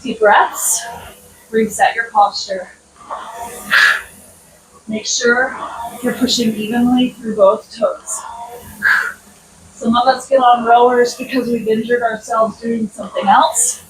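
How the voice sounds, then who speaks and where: A woman's voice: on the high side, steady tone, slow pace, pauses often. An American woman instructing a workout while exercising on a rowing machine, mixing explanations with short, encouraging commands. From United States. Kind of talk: coaching a workout with counted cues. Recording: echoey room, distant mic, noisy background.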